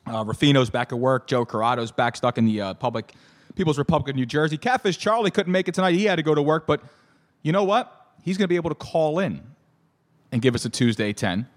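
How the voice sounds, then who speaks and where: Hoarse man hosting a casual talk show. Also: on the high side. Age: 30s. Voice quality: hoarse, worn-out voice. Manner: halting, repeats and corrects himself, jokey. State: voice shot and hoarse. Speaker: solo host of a fantasy football show.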